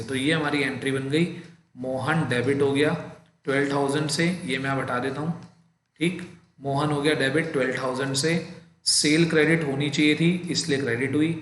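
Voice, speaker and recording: A man with an Indian accent teaching an accountancy lecture. He explains each step patiently, calls his students "beta", and slows down to dictate the entries. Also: medium pitch, fairly bright tone, echoey room, a little hiss or hum. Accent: Indian English mixed with Hindi. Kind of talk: classroom lecture.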